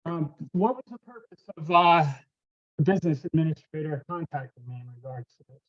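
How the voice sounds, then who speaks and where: At a council meeting's public comment, a resident with a high-ish, animated voice speaks a little fast and confronts officials with accusations. His remote call comes through dull and lo-fi, breaking up as he talks.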